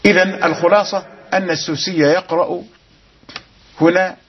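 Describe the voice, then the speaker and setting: High-pitched man, husky voice, recitation teacher, melodic chanting, dull lo-fi broadcast sound. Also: steady tone. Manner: explains quickly, chants verses in a drawn-out melodic way. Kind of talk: teaching recitation rules, chanting verses slowly.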